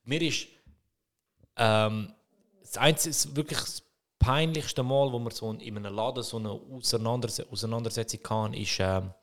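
A man in his thirties with a Swiss German accent, co-hosting a podcast and telling a story in casual comedic chat, growing loud as he acts out an argument. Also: medium pitch, moderate pace. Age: 30s. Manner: animated, swings loud when reenacting arguments. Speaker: podcast co-host.

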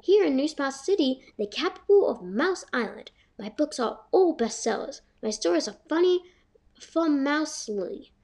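High, gravelly young female book reader. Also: animated, normal speed, darkish tone. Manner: chatty, stumbling over words while reading aloud. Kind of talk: casual book reading.

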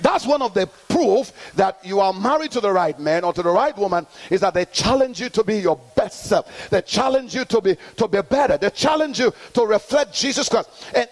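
A middle-aged man preaching a sermon to his congregation, calling out for the church to answer back and building to emphatic peaks. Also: high voice. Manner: call-and-response preaching, rising to emphatic peaks. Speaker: pastor.

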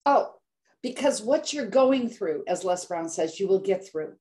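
Speaking a little slowly in an expressive, mid-range voice that is a little mellow, an older American woman shares a personal story as a health coach guest in an interview. She is dramatic and emotional, switching voices to act out what people said.

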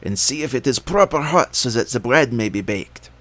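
A man's voice: mid-range voice, animated, normal speed, fairly bright tone, voice pushed up. A man voicing a wicked, cruel old witch who scolds and schemes in a storybook reading. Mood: scheming.

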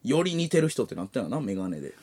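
A young man with a Kansai accent, co-hosting a late-night radio comedy show and telling stories with loud, animated impressions. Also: rapid-fire, crowd noise. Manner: animated storyteller, bursts into loud high impressions. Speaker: radio co-host. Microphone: studio mic.

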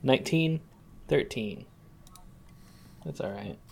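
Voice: medium pitch, expressive, slow, gravelly, a little mellow. A player in a tabletop game, talking in an easygoing way. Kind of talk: casual tabletop game talk.

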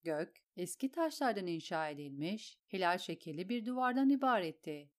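Low-voiced woman reading an audiobook. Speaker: narrator. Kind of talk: audiobook narration.

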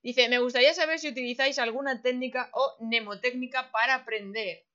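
A woman hosts a casual podcast conversation with a bright, fairly high voice. She talks in a lively, colloquial way and laughs often. The sound is a little dull and lo-fi. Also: a little fast. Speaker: host.

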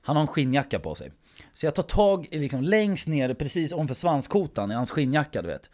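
A man's voice: on the high side, very animated, a little mellow. A man telling a long anecdote in casual podcast chat, acting out quotes and swearing casually.

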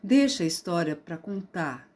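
A woman performing a spoken word poem, slow and dramatic with sudden loud outbursts. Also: fairly low pitch, expressive.

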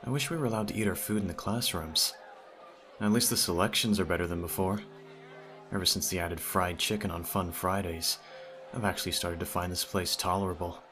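A man with a low, slightly bright voice plays a teasing, lovestruck teenage childhood friend in an ASMR roleplay. He talks directly to the listener in a relaxed, conversational, playful way.

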